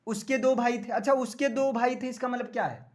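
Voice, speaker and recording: A man's voice: very high-pitched, steady tone, fairly quick. A man teaching English grammar in a classroom lecture. He jokes often and keeps checking that the students understand.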